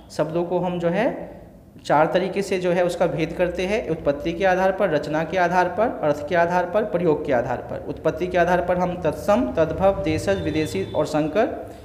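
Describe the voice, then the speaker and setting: Male teacher, grammar lesson, high voice, slow and repetitive, echoey room with long reverb. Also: a little mellow. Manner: slow, repeats examples one word at a time. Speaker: school teacher.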